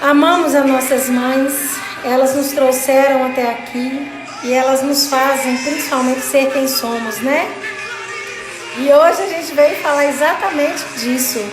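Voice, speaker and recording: Chatting on a casual live stream from her home craft studio, this Brazilian woman greets viewers by name in a Brazilian Portuguese accent. She speaks in a high-pitched voice at a measured pace with fairly even intonation. The roomy studio carries background music.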